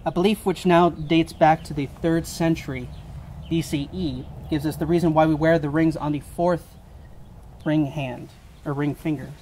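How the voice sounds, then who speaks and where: A man's voice: fairly high pitch, a little mellow. A man officiating an informal wedding, explaining the ceremony in a wry way. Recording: live ceremony with faint ambient noise.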